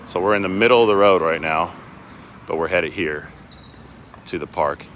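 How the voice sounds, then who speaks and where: A man's voice: low voice, normal speed, fairly bright tone, a little hiss or hum. A sports reporter chatting casually outdoors while walking with a handheld phone camera, rambling and often restarting his sentences. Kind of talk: casual live walking vlog. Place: outdoors on city streets and in a park.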